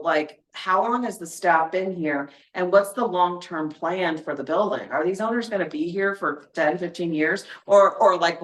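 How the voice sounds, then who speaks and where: A woman's voice: sits low, a bit bright, echoey room. A woman speaking as a guest expert and author in a casual podcast conversation, explaining things in a chatty way with lots of fillers and everyday examples.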